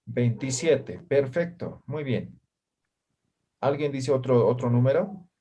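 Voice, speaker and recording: Male teacher, mid-pitched voice, lecturing a class and constantly checking in with tag questions. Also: animated, slow, warm tone, muffled recording. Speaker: language teacher.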